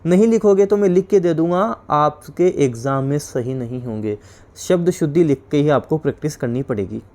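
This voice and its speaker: A male teacher from India with a fairly high voice runs an exam-prep class. He explains each rule, repeats it, and keeps asking his students questions. His voice drops low and quiet whenever he gives the corrected word. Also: animated, moderate pace.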